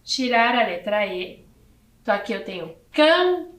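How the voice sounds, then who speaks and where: A woman from Brazil teaching young children in a video lesson, slowly counting letters and syllables aloud. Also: medium pitch, fairly bright tone, echoey room.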